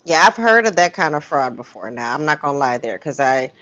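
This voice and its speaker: Her voice low-pitched, a bit bright, very animated and fairly quick, the co-host dishes emphatic, opinionated gossip in a laid-back livestream chat. The call's audio is muffled and lo-fi.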